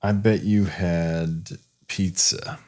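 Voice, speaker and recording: Very deep, slow-talking man. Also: fairly even intonation, dark tone. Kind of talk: casual chat.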